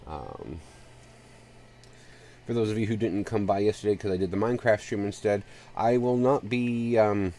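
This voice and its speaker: A man streaming a video game and chatting casually, congested and short of breath. His voice is low and dark, and he rambles as he goes. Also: normal speed. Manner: rambling, chatty, with fillers and restarts. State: congested and winded. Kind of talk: casual let's-play commentary.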